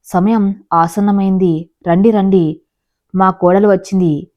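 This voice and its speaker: A woman's voice: mid-range voice, fairly even intonation, measured pace, dark tone, highs cut off, natural voice. Woman voicing a sly wealthy old patriarch.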